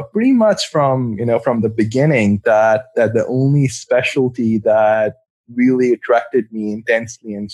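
A Pakistani psychiatrist, appearing as an interview guest, answers questions thoughtfully but with many fillers and restarts. His voice is medium-pitched, and there's no room sound.

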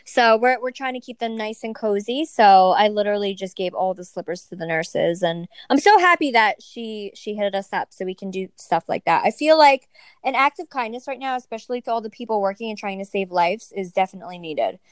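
A woman's voice: mid-range voice, animated, brisk, smooth, dry recording. A woman co-hosting a podcast who runs a store, sharing opinions in earnest casual chat. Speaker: podcast co-host; store owner.

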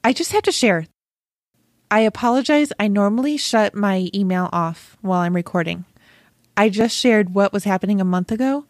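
A woman's voice: mid-range voice, normal speed, no echo, clean studio sound. A woman hosting a podcast in casual conversation, effusive and exclamatory. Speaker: podcast host.

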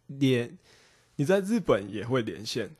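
A woman, co-hosting a podcast and prompting her partner with quick follow-up questions. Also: very deep voice, big pitch swings, darkish tone, husky. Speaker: podcast co-host. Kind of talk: casual chat, prompting questions.

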